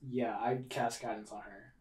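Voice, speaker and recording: A man playing at a tabletop game, talking quietly and casually, joking and swearing. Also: mid-range voice, level tone, normal speed. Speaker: player. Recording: roomy, distant mic, faint ambience.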